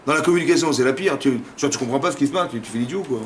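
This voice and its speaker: A man, a rabbi, giving a lively Torah class in a community center, casual in phrasing, acting out dialogues and firing rhetorical questions. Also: mid-range voice, very fast, slight background noise. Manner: animated, acts out dialogues, fires rhetorical questions. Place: community center lecture room.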